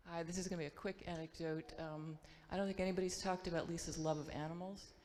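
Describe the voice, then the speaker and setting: A woman tells a brief, earnest anecdote at a memorial in a school auditorium. Her voice is low and flat. A long hall reverb and faint ambience sit around it. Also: quick pace, noisy background. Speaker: memorial speaker.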